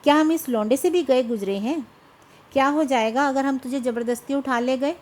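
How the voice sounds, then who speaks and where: A woman's voice: high-pitched, moderate pace, lightly acted. A woman voicing a crude, menacing male robber who threatens and mocks. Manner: threatening, mocking.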